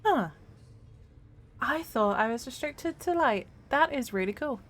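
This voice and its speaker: A woman's voice: sits high, animated, measured pace, a bit bright. A woman giving casual, chatty gameplay commentary, reacting aloud as she plays. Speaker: gamer hosting a playthrough.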